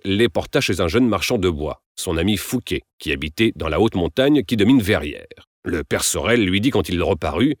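Expressive low-voiced male narrator. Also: no echo, studio quality. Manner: lively, expressive storytelling. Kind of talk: audiobook narration of a classic novel.

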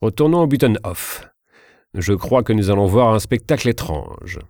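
A man voicing a young male prince in disguise who speaks calmly and with detachment. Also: fairly low pitch, normal speed, dry recording, clean studio sound. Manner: calm, detached.

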